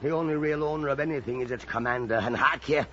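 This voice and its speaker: An actor playing a brooding, tyrannical old whaling captain with grand, archaic declamation in an old-time radio drama. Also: male voice, medium pitch, fast, over a noisy crowd, lightly acted. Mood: furious, scornful. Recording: dull vintage radio recording, music behind.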